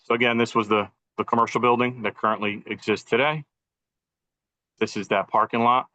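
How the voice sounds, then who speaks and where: A man's voice: medium pitch, little pitch movement, brisk, pushed and bright, no room sound. A man, a professional engineer, joining by video call over poor Wi-Fi, methodically walking a meeting through a site plan. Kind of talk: formal presentation at a public meeting. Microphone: computer audio on a video call. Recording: dull lo-fi video call audio, dry.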